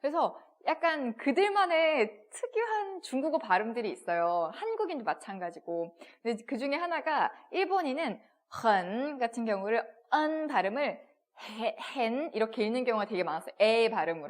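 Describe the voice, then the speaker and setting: A woman teaching Chinese in a textbook video lesson, explaining step by step with rhetorical questions and modelling pronunciations. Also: on the high side. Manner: models pronunciations in short repeated syllables.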